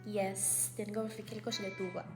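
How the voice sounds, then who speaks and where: A woman in her twenties vlogs casually to camera from home, chatty, full of fillers, and often slipping into English phrases. Her medium-pitched voice barely moves in pitch and keeps a normal speed. Music plays under her in an echoey room.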